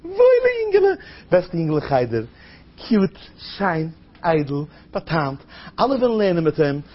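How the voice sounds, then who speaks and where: A man's voice: lively intonation, normal speed, slightly rough. A man preaching. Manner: storytelling, acting out a child's high, crying voice. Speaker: rabbi giving a talk. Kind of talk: Yiddish-flavored sermon. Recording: dull lo-fi recording.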